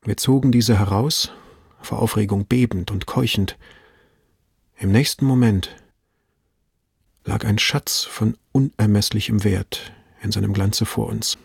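Male storyteller for audiobook narration, measured delivery, raspy voice, dry recording. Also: lowish voice, fairly even intonation, no room sound. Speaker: audiobook reader. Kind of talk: scripted narration.

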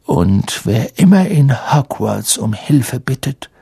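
Dumbledore: a man doing a slow, firm old headmaster. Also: a little high, huge pitch swings, no echo, voice pushed up, full character voice. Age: older. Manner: slow and deliberate, clearly spoken.

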